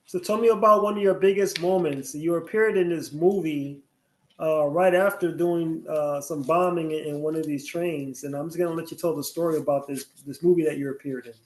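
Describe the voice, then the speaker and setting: A man's voice: on the high side, fairly even intonation, brisk. A man interviewing a guest in a laid-back, casual way, prompting him with questions. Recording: roomy echo.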